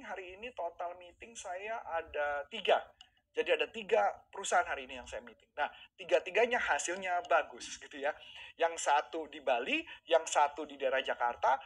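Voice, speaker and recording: A man's voice: on the high side, fairly bright tone, breathy edge. A man coaching viewers on sales during a live stream, acting out his sales dialogue and asking for comments. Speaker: sales trainer.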